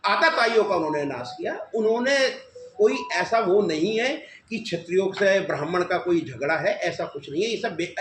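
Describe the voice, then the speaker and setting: Man, high voice, earnest press-conference answers, echoey room, light noise. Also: animated, normal speed, a bit bright. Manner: earnest, emphatic, insistent. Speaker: event organizer at a press conference.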